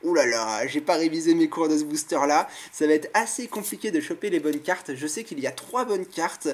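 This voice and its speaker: A man's voice: a little high, brisk. A man hosting his own channel, chatting casually and enthusiastically as he opens a pack of trading cards and admires each one aloud. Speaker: YouTube channel host. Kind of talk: casual card-pack opening commentary.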